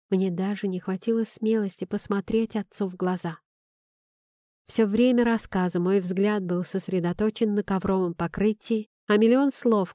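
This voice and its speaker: A woman reading a first-person novel aloud in a calm, measured, emotional way. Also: medium pitch, no echo, studio quality. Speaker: audiobook narrator. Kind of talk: first-person audiobook narration.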